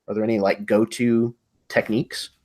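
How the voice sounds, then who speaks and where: A man hosting an interview, relaxed and easygoing, reading out audience questions. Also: lowish voice, moderate pace. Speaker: host. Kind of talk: casual interview talk.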